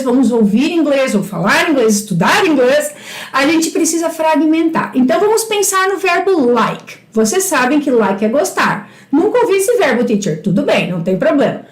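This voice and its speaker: Brazilian teacher lady, high voice, roomy echo, slow english examples, encouraging. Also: animated. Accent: Brazilian Portuguese. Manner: encouraging, repeats English phrases slowly. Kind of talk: live-streamed English lesson.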